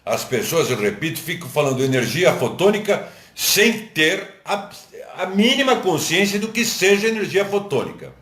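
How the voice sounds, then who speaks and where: A man's voice: high-pitched, sing-song, moderate pace, fairly bright tone, roomy sound. A man with a Brazilian Portuguese accent giving a live lecture, teaching step by step, repeating points and checking whether listeners follow. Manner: didactic, repeats and asks the audience if they understood. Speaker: esoteric lecturer.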